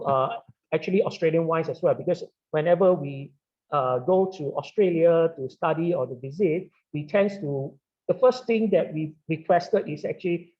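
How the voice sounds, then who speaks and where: On a webinar panel, a middle-aged Singaporean English speaker who sells wine and works as a sommelier explains things haltingly in a somewhat high voice. He leans on "uh" over and over and keeps tagging on "right?", and the video-call-style audio is dull and lo-fi.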